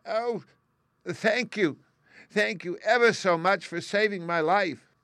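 A man voicing a tiny, proud female mouse queen with a squeaky little voice and an indignant, regal manner. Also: slow pace, bright, forceful tone, no room sound, clean studio sound, exaggerated voice. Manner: indignant, regal, easily alarmed.

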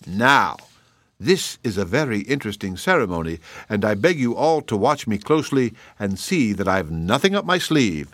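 A man voicing a cruel, quick-tempered male gnome king who roars and snarls his threats. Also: fairly low pitch, big pitch swings, fairly bright tone, no echo. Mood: menacing.

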